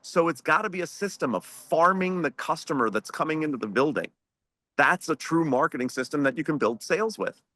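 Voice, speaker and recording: A man's voice: fairly high pitch, lively intonation, brisk, pushed and bright, no room sound. A man speaking on a video-call webinar panel as a franchise owner, emphatic and preachy, firing off rhetorical questions.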